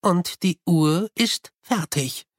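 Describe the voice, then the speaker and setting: A man voicing an eerily calm, precise young male clockmaker who speaks slowly and evenly. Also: high voice, no echo, clean studio sound.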